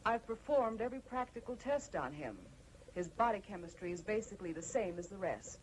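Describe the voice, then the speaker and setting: An actress playing a cold, confident mad scientist in an old horror film, speaking in a clinical, imperious, deliberate way. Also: female voice, medium pitch, animated, slight background noise, close to an everyday voice, poor audio. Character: cold, confident female mad scientist breeding obedient slaves.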